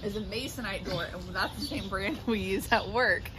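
A young woman talking softly and easily, heard from a bit away from the phone mic. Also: mid-range voice, moderate pace. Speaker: vlogger's partner.

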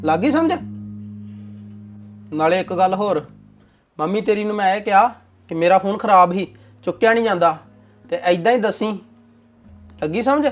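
A man's voice: high-pitched, moderate pace, pauses often, soft background music, natural voice. A young man with a Punjabi accent acting a bossy, commanding husband in a domestic drama. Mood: stern.

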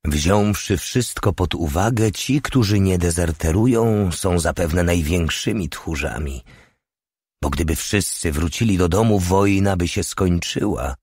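A man's voice: low-pitched, measured pace, darkish tone, breathy edge, dry recording, studio quality. Man playing a weary, resigned army lieutenant.

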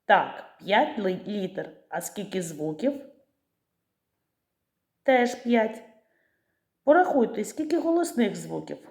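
A woman teacher leads young children through a literacy lesson, drawing each word out syllable by syllable. Her voice is mellow and unhurried. The recording carries a roomy echo. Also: mid-range voice, sing-song, gravelly. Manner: slow, syllable-stretching pronunciation of words. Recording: echoey room.

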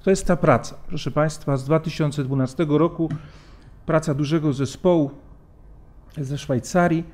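A hesitant middle-aged man delivers an academic lecture from a lectern in a large conference hall, picked up by the lectern microphone. His voice is fairly high, steady and darkish, and his measured delivery is broken up by frequent fillers and restarts.

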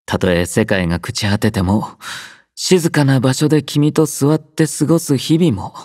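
A man voices a sleepy, teasing young army doctor for a game voice collection, speaking in a relaxed, drowsy, gently teasing way with an easygoing mood. His medium-pitched voice, close to an everyday one, moves at a moderate pace and is captured dry on a close studio mic at studio quality.

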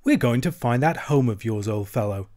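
A man voicing a kindly, brisk male water rat who speaks heartily and reassuringly. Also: medium pitch, expressive, a little mellow, natural voice.

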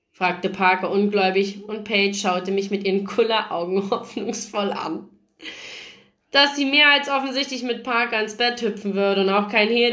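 A woman reading a first-person novel aloud in a lively, expressive storytelling manner. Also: medium pitch. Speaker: audiobook reader. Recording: roomy echo.

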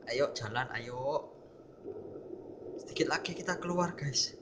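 A man's voice: mid-range voice, unhurried, background noise. A young man giving casual, tense commentary on a horror game he is playing, talking to his viewers. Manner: jumpy, tense, keeps addressing viewers as guys. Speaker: gameplay streamer.

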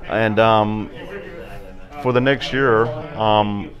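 Speaking extremely slowly, the barbershop owner, a man in his thirties, chats through casual interview answers in his shop, relaxed and filler-heavy. His voice runs low, the audio sounds dull, and a crowd can be heard behind him.

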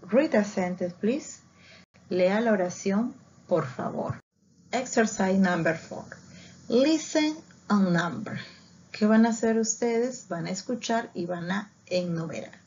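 A woman teacher giving a bilingual English lesson, spelling out words and repeating them slowly. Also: medium pitch, a little mellow, slight background noise. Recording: dull lo-fi recording.

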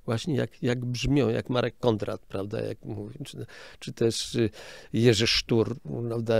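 A man's voice: medium pitch, steady tone, a little slow, vocal fry, dry recording, studio quality. An older man, a film sound director, explaining his craft in an interview in a hesitant, explanatory way with frequent restarts. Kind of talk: casual interview talk.

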